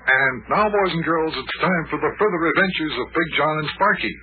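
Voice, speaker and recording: A man's voice: fairly high pitch, animated, a little fast, narrow, tinny audio, a crowd in the background, close to an everyday voice. A man narrating and playing a genial grown-up in an old children's radio show, reassuring and storytelling. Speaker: narrator and host.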